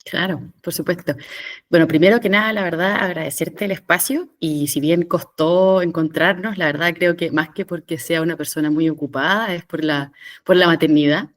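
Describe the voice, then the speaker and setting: A woman in her thirties with a Chilean Spanish accent, a guest on a podcast. Her voice sits somewhat low for a woman, and she speaks reflectively, pausing on fillers and restarting phrases. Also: steady tone. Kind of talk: conversational interview.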